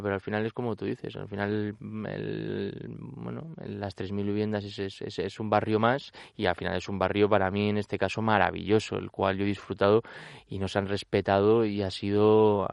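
Smooth-voiced actor, low and close. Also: male voice, no echo. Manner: animated, with many restarts and repetitions. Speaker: actor being interviewed. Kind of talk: casual interview talk.

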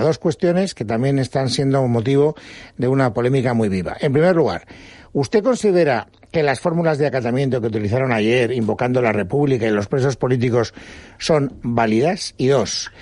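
Man, radio host, mid-pitched, dry close studio sound, articulate, opinionated. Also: a little mellow, dry recording. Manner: articulate, opinionated, long flowing questions. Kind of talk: radio interview.

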